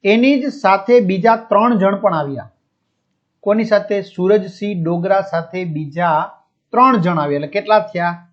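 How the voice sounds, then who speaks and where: A man's voice: high-pitched, unhurried. A male teacher explaining a textbook chapter, glossing each word with a simpler one and asking and answering his own questions. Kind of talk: explaining a school textbook lesson. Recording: dull lo-fi audio.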